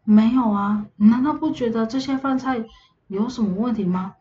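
A woman's voice: on the high side, normal speed, warm tone, lo-fi sound, natural voice. A woman doing a sweet little kindergarten girl. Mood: pleading childlike. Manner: pleading, childlike.

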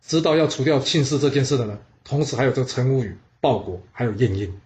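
A man's voice: medium pitch, fast, darkish tone. A man telling a history story in a chatty, casual way with rhetorical asides.

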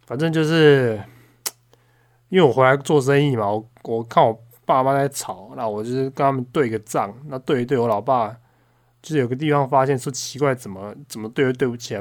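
A man's voice: medium pitch, brisk. A young man hosting a podcast, telling a story in a casual, heated rant full of swearing. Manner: swears constantly, heated and indignant; frequent fillers and restarts, storytelling. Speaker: podcast host. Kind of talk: casual ranting monologue.

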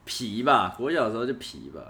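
A man's voice: medium pitch, big pitch swings, fairly quick, creaky, pushed and bright. A young man with a Taiwanese Mandarin accent, a podcast guest telling funny stories in casual chat and laughing often.

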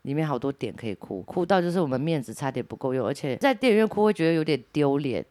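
A woman's voice: low voice, animated, fast talker, mellow. A woman co-hosting a casual podcast, talking expressively and prodding the others with questions. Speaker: podcast co-host. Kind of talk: casual chat.

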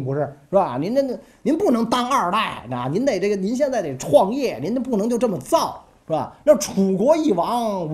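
A woman voicing a loyal male minister of an ancient court who weeps and pleads with his king, in a lowered voice. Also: warm tone, natural voice.

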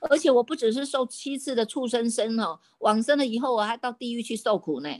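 A woman's voice: on the high side, a little fast, a little mellow, voice pushed up, natural voice. A woman voicing a frightened young male heavenly being in a sermon story, pleading and repeating his questions. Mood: frantic.

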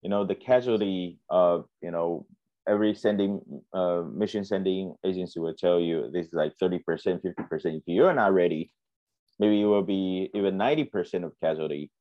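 A man hosting a conversational interview, halting and restarting as he searches for words. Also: deep voice, no echo. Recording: dry, dull lo-fi sound.

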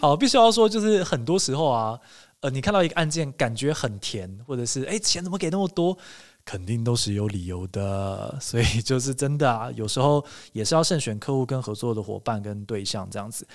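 A man's voice: mid-range voice, lively intonation, fairly quick. A man hosting a live chat show, reacting to guests and moving things along. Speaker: host.

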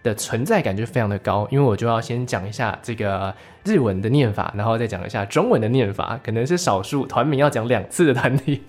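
Casting: male music radio host, medium pitch, Taiwanese Mandarin accent, casual and talkative interviewer. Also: expressive, quick pace, few pauses.

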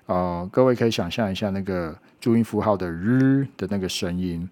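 Man, lowish voice, patient pronunciation lesson, slow repeated demo words. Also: a little mellow. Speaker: English pronunciation teacher.

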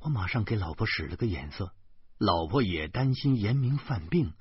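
Husky male novel reader, lively delivery. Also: on the low side, moderate pace, no room sound, dull audio. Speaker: audiobook reader. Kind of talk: serialized novel reading.

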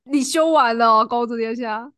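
A woman's voice: a little high, moderate pace, a bit bright, no room sound, studio quality. A woman hosting a chat podcast, reacting with exclamations and asking guiding questions. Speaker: podcast host. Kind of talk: casual chat.

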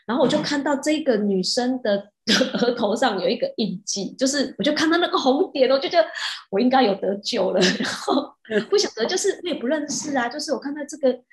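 A woman telling a personal story in a casual way. She is animated and often restarts her sentences, with soft fillers. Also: sits high, brisk. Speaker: hypnotist. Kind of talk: casual storytelling of a past-life regression. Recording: roomy echo.

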